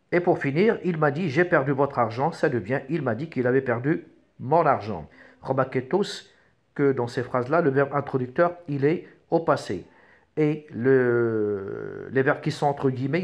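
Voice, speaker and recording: Man dictating a lesson in short phrases. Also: mid-range voice. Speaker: French grammar teacher. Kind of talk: instructional lesson, reading out examples.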